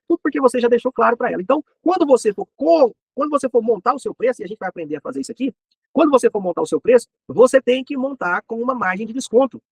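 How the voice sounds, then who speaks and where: A Brazilian man teaching a practical business lesson to other horse professionals. His voice is very high and slightly husky, and he speaks in a very dry, close sound. He talks in rapid bursts and repeats his key points. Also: no room sound, poor audio. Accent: Brazilian Portuguese. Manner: direct, repeats key points, chatty asides.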